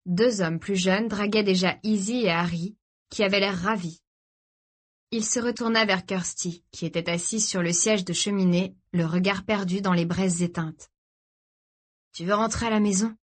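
A woman narrating a novel in a calm, measured reading voice. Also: medium pitch. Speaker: audiobook narrator. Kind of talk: scripted narration.

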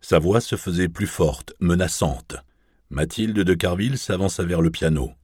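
Deep-voiced male audiobook narrator. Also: husky, no room sound, studio quality. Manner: measured, even literary reading.

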